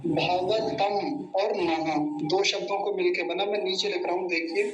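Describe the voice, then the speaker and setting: A man teaching Sanskrit mantra pronunciation in an online class, reciting slowly syllable by syllable and correcting common mistakes. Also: high voice, fairly even intonation, roomy sound, muffled recording. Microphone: computer mic on a live online class.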